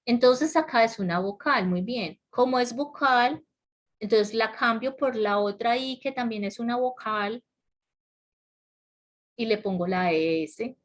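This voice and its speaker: A woman's voice: a little high, measured pace. Woman teaching an online class. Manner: explains patiently, asks the class questions, laughs lightly. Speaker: English teacher. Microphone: computer mic on a video call.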